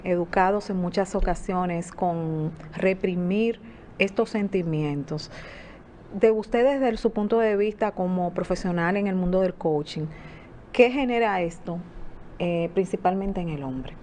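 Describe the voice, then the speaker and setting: Woman host, interviewer, formal questions, low-pitched, faint noise. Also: unhurried, darkish tone.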